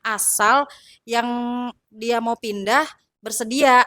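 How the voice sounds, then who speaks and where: A woman recounting her time as a flight attendant in a casual, halting way with many fillers. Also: on the high side, pushed and bright, dry recording, studio quality. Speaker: former flight attendant guest. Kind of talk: casual storytelling.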